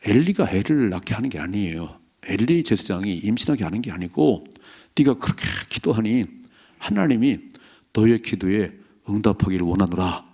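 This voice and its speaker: Gravelly low-voiced male pastor. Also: lively intonation, moderate pace, darkish tone. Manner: conversational preaching, acts out quoted voices. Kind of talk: early morning prayer sermon.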